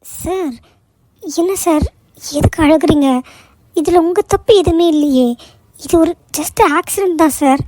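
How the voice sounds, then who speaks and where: A woman voicing a gentle young office worker in a cartoon who patiently comforts her boss. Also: extremely high pitch, measured pace, long pauses, dry recording. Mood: reassuring. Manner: soothing, patient, warmly persuasive. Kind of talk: cartoon voice acting.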